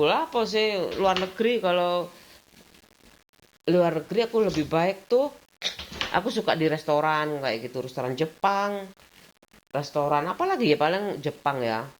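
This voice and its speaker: Chatty middle-aged woman. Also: a little hiss or hum. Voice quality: rambling, chatty, laughs often. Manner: acts out quoted voices at a higher pitch. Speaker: vlogger. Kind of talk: casual home vlog chat. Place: her home.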